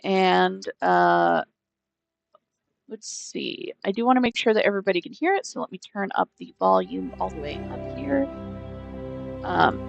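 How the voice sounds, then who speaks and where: A woman's voice: medium pitch, big pitch swings, a little slow, creaky, dull audio, soft background music. A woman hosting a casual gaming live stream, hesitant and rambling, often trailing off mid-thought. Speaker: game streamer, host.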